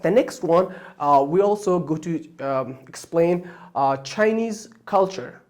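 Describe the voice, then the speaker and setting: An online Chinese course host from Afghanistan, who speaks Persian and Pashto, explains his course plan unscripted in a slow, darkish, middling-pitched voice. He hesitates constantly, with ums, uhs and false starts, and his pitch leaps up on stressed key words.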